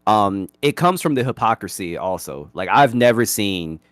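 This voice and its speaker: A man's voice: lowish voice, expressive, moderate pace, dry recording. A man hosting a casual podcast debate, ranting bluntly and swearing freely. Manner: blunt, profane, exasperated ranting. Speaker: host.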